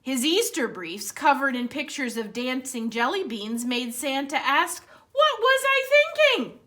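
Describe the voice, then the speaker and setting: Her voice high-pitched, a woman hosts storytime, reading a picture book to children with dramatic, expressive emphasis. She addresses the young listeners directly.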